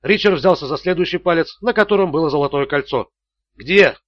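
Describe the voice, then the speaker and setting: A man narrating a thriller audiobook in a steady, measured way. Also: fairly high pitch, dry recording, lo-fi sound.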